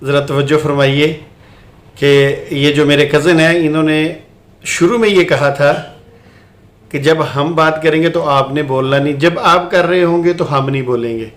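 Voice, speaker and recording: An insistent man speaks straight to his viewers as he picks apart a debate clip. His voice sits a bit high. The room around him is noticeably echoey. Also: fairly even intonation. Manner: insistent, addresses viewers directly. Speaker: host commenting on a debate clip. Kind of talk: argumentative video commentary.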